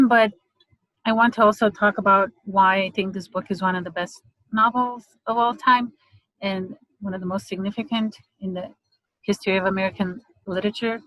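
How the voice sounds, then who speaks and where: A middle-aged woman from Romania, an English lecturer giving an online presentation in a measured way, pausing often with fillers. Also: mid-range voice, a bit bright, no room sound, low-quality recording. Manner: measured, hesitant with frequent fillers.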